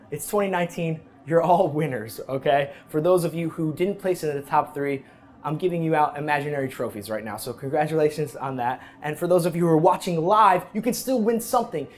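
A man in his thirties hosting a cooking show in a restaurant kitchen, energetic and joking. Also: a little high. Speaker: host. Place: large restaurant kitchen, indoors. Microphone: lapel mic. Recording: music bed under the voice. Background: music.

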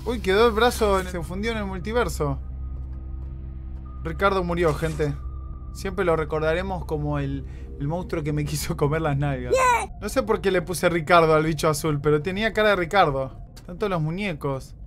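A man's voice: fairly high pitch, normal speed, fairly bright tone. A man with an Argentine accent giving jokey let's play commentary, yelping and screaming in panic as he plays. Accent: Argentine Spanish. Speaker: gaming YouTuber. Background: background music.

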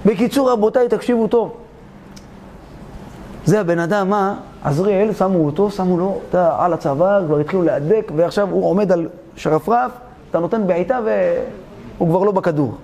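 A rabbi tells a parable in an animated, theatrical way. His voice sits high for a man and jumps between exclamations and asides, with a faint hiss behind it. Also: creaky. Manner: animated, theatrical storytelling, addresses the audience directly. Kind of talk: storytelling sermon.

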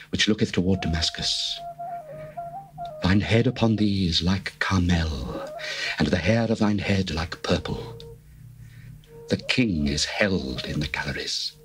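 A man gives a heavily acted, dramatized scripture reading, voicing a solemn, adoring lover from an ancient love poem who speaks his praise slowly and reverently. His steady voice sits a little low, with faint music underneath.

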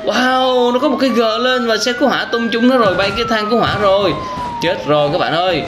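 This is a very high-pitched, quick male voice belonging to a young gaming host with a southern Vietnamese accent. He gives casual, exclamatory reactions to young viewers, telling the story with lots of wows and direct calls to them. The clip is clearly noisy, filled with game vehicles and sirens.

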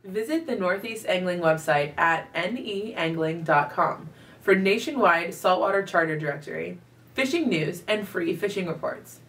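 A woman reading a scripted promo for a fishing website in a bright, friendly manner. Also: on the low side, lively intonation, moderate pace, recorded from a distance, faint music behind. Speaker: promo announcer.

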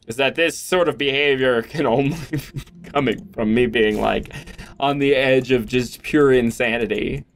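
Goofy, rambling young gaming host. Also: male voice, on the high side, a bit bright. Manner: goofy, rambling, jokey self-talk with sudden exclamations. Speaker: let's play host. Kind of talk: gameplay commentary.

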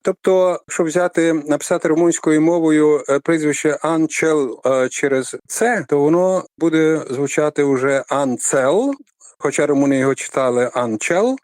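An older man, a literary scholar, explaining at length in a radio interview with a measured, lecturing manner and frequent hesitations. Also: a little high, steady tone, a little mellow, no echo. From Ukraine.

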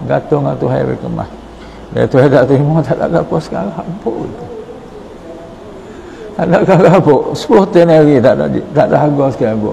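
A man with a deeply gravelly, dark voice gives a morning sermon in a Patani Malay accent. He tells stories and acts out prayers and short exchanges as he preaches. A faint ambient hum sits under his voice. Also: low-quality recording. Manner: storytelling, quotes prayers and dialogue. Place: mosque hall.

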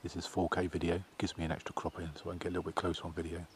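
A middle-aged man with an English accent talks through his setup in a chatty, matter-of-fact way. His voice sits low and stays flat. He is outdoors with the camera at arm's length, faint birdsong and insects behind him. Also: very fast, a little hiss or hum. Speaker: wildlife photographer. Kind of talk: casual outdoor vlog narration. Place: outdoors in a field by trees.

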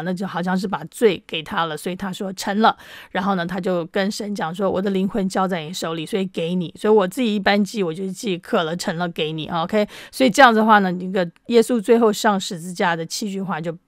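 A woman's voice: mid-range voice, no room sound, studio quality. Chatty woman teaching a Bible lesson. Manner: chatty, explanatory, frequent tag particles.

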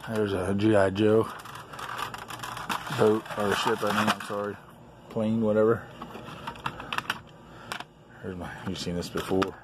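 Showing off his finds in a casual handheld vlog, a middle-aged toy collector and store owner speaks in a lowish voice with little pitch movement, slowly and with long pauses. His phrases are short, folksy and offhand. He films on a handheld phone from behind the camera in a backyard and cluttered storage shed, and the outdoor audio is clearly noisy.

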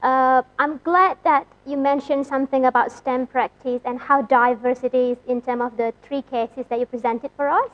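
A woman's voice: high-pitched, fairly even intonation, normal speed, few pauses, highs cut off. A woman moderating a conference session, polite and using frequent uh fillers as she introduces questions.

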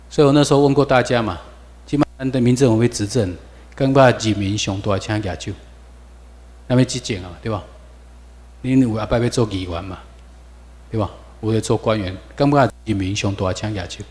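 A man with a Taiwanese Mandarin accent giving a classroom lecture, firing rhetorical questions and drilling students on vocabulary. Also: mid-range voice. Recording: long reverb lecture hall.

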